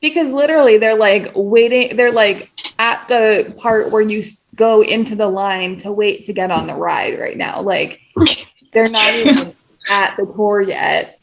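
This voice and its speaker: A woman's voice: mid-range voice, measured pace, vocal fry, crowd noise. A woman hosting a casual podcast, retelling an old poem in slangy paraphrase and reading passages aloud. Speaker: podcast host.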